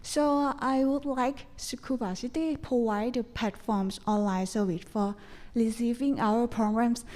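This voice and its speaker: Woman, very slow, higher pitch, hesitant, echoing hall. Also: fairly even intonation, a little mellow. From Thailand. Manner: simple, hesitant phrasing. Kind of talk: symposium panel talk. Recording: reverberant hall.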